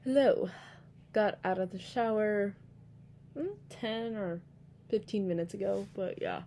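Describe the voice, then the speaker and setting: A woman's voice: medium pitch, measured pace, dark tone, slight background noise. A sleepy young woman vlogging casually, rambling with lots of fillers and yawns. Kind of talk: casual vlog talk.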